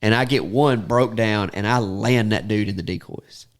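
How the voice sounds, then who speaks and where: A man's voice: on the low side, moderate pace. A man who guides waterfowl hunts, telling stories in a casual chat with lots of laughter and restarts, using a Southern "y'all". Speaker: duck hunting guide and podcast host.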